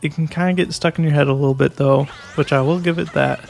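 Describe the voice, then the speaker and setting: A young man whose first language is English gives a casual game review in a gravelly, creaky voice that's a little high. He speaks quickly but in a flat, level tone, often hesitating and restarting sentences. Faint music plays underneath.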